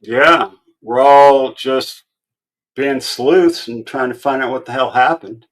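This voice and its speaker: A man in his sixties hosts a livestream, chatting casually with short, laid-back replies and some casual swearing. His medium-pitched voice is slow with fairly even intonation, and the recording quality is low.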